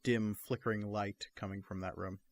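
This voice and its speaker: A man narrating a tabletop game as game master, with measured, descriptive delivery. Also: on the low side, level tone.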